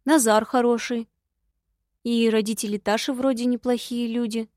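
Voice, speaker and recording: A woman's voice: on the high side, steady tone, moderate pace, darkish tone, no echo, clean studio sound, close to an everyday voice. Woman voicing a feisty young heroine. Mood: pressing.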